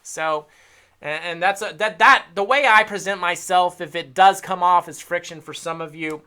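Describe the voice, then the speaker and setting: Trading coach, man, bright tense voice, swears constantly, loud bursts then low mutters. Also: normal speed, smooth. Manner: blunt and heavily profane; swings between loud emphasis and low muttered asides. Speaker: trading educator. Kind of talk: casual unscripted rant to camera.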